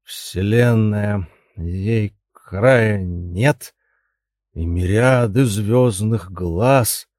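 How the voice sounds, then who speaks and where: A man's voice: lowish voice, extremely slow, a little mellow, no echo, studio quality. A man voicing an arrogant poet husband who declaims grandly in a story reading. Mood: stubborn. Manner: self-important, declaiming. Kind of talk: audiobook dialogue reading.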